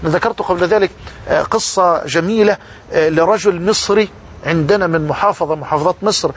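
A man's voice: high voice, quick pace, husky. A man preaching a sermon with an Egyptian Arabic accent, telling a story fervently and repeating key words for emphasis.

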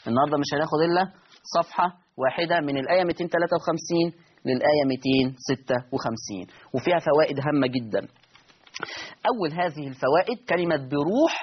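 Egyptian male recitation teacher, high husky voice, rapid delivery, repeats rules and quizzes the class, dull lo-fi sound. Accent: Egyptian Arabic. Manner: repeats key rules, quizzes listeners directly. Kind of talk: classroom-style recorded lesson.

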